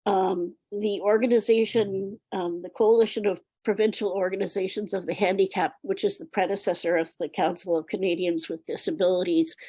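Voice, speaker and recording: A woman giving a prepared public talk in a weak voice, affected by a cold, hesitant and often pausing. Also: medium pitch, mellow, husky, dry recording, poor audio. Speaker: panel speaker.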